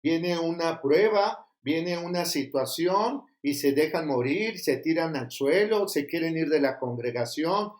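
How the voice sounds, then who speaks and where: Scolding Mexican pastor, fairly high. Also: male voice, lively intonation, a little slow, hardly any pauses. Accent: Mexican Spanish. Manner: scolding, emphatic, rhetorical questions. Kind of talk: sermon.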